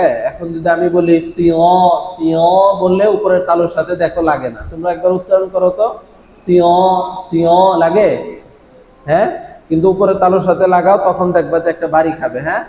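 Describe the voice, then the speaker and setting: A man's voice: high-pitched, a little mellow. A man teaching Quran recitation, stretching out sounds to demonstrate and often stopping to affirm. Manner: slow drawn-out demonstrations, frequent affirming interjections. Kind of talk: tajweed pronunciation lesson. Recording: dull echoey hall with faint noise.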